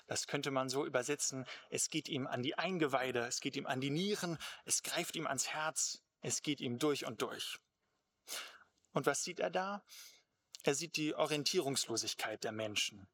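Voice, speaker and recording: German pastor reading scripture and preaching. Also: male voice, mid-range voice, a bit bright. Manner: measured, emphatic preaching with slow stresses. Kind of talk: Bible reading and sermon.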